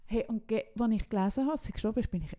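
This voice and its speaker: A woman's voice: fairly high pitch, racing, warm tone. A woman with a Swiss German accent, co-hosting a podcast and telling a story in casual chat with many restarts. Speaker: podcast co-host.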